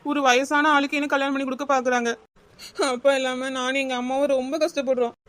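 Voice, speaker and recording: A woman's voice: high-pitched, little pitch movement, fast, fairly bright tone. A woman voicing a heartbroken young village woman in a cartoon, with a Kanyakumari Tamil accent. She complains in a tearful, whining way. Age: young adult.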